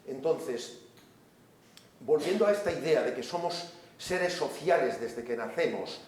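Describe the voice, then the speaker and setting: A man's voice: mid-range voice, expressive, unhurried, darkish tone. A man giving a seminar lecture in a large hall. He explains step by step, often checks in with the audience, and briefly acts out the voices he quotes. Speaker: seminar speaker and author. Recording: very echoey hall recording.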